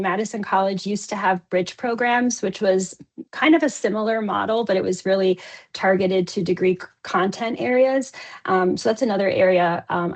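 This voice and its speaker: A woman's voice: mid-range voice, low-quality recording. A woman co-hosting a webinar, welcoming attendees and talking hesitantly, with frequent "um". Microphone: video call.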